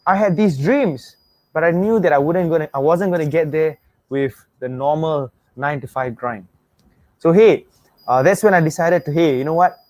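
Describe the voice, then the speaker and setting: In a dry recording, a young Singaporean webinar host talks at a moderate pace, his fairly high voice a little mellow. Using Singaporean English, he makes an energetic motivational pitch online, going over points repeatedly and inviting viewers to type replies.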